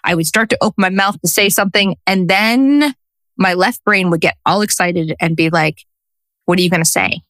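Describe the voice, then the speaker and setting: A woman's voice: medium pitch, moderate pace, no room sound. A woman in her forties, a social worker and coach, telling stories in a casual interview and acting out what people said. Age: 40s. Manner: animated storyteller who acts out quotes.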